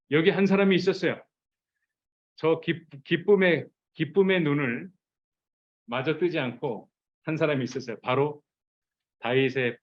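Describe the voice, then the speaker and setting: A man preaching a sermon to teenagers, animated and acting out what Bible figures say in their own voices. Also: medium pitch, lo-fi sound. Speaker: youth pastor.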